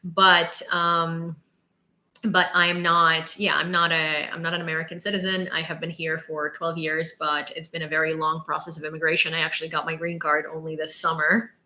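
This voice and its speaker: A Ukrainian-born woman in her late twenties, with an almost American accent, hosts a live news stream and chats sassily with viewers, tossing in quick asides to the chat. Her voice sits low with a level tone, sounding pushed and bright.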